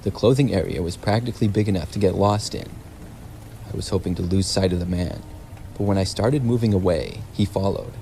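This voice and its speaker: A man narrating a scripted first-person story in a measured, plain storytelling delivery. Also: deep voice, gravelly, mellow, a little hiss or hum, poor audio. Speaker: narrator of horror stories.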